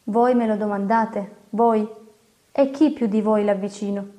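A woman voicing a gentle, solemn elderly male cardinal in an audiobook, speaking calmly and in measured phrases. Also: medium pitch, close to an everyday voice.

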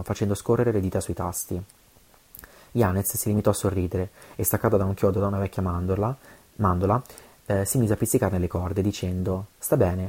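A man's voice: low-pitched, dark tone, slightly rough. A man reading an adventure novel aloud, with occasional stumbles and self-corrections. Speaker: audiobook reader.

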